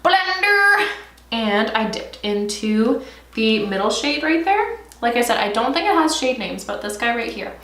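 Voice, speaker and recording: Her voice is fairly high, with lively intonation and a normal speed. She's a young woman doing a relaxed makeup tutorial, slightly congested from allergies, cursing in fun and squealing at times, and the echoey room carries a faint noise.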